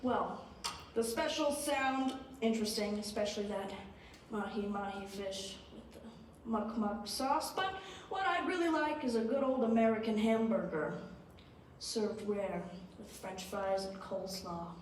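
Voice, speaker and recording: A teenage girl playing a lonely, gloomy restaurant customer, awkward and flat, on a school stage. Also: mid-range voice, measured pace, slight background noise, lightly acted. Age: teens. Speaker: high school student actor. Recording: echoey hall from far off.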